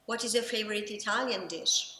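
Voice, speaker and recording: A woman interviewer asking brisk, direct questions. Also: medium pitch, pushed and bright. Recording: echoey hall, faint background noise.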